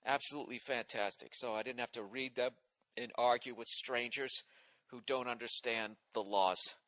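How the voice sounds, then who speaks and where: A man's voice: medium pitch, fairly even intonation, moderate pace, sharp tone. Profane ranting man with a Boston accent. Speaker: podcast host. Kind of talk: solo podcast rant.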